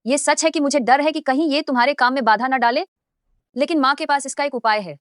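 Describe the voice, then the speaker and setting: A woman's voice: high voice, fairly quick, dry recording, clean studio sound, close to an everyday voice. Woman voicing a scheming, mocking mother. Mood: scornful. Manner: mocking and scornful. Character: scheming middle-aged mother, cold and cruel. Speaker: dubbing actor. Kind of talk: Hindi dub of a short drama.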